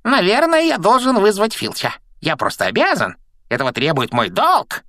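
A man voicing a mischievous, spiteful male poltergeist with a cackling, drawn-out, screeching manner in an audiobook. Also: sits high, huge pitch swings, a bit bright, no echo, clean studio sound, pitched above the performer's own voice, heavily acted. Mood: mock-righteous. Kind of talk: audiobook reading.

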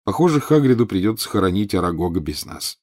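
A man's voice: sits low, very animated, fast, a little mellow, full character voice. A man voicing an earnest, somewhat bitter teenage boy wizard in an audiobook.

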